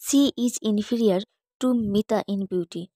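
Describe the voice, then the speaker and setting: A woman teaching English grammar, slowly reciting rules and word lists. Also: mid-range voice, dark tone, no room sound, poor audio. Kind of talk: slow recited grammar lesson, English and Bengali.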